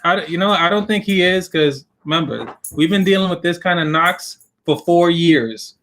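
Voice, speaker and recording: On the live sports show, this co-host's voice sits high and slightly bright as he talks at a moderate pace. He trades strong basketball opinions in relaxed, slangy chat.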